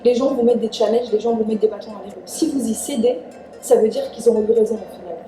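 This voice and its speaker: Mellow-voiced Iranian-born woman, echoey room. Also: on the high side, quick pace. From Iran. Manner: earnest, chatty, frequent "en fait". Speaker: vlogger. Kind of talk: casual advice vlog. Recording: echoey room, distant mic, faint music.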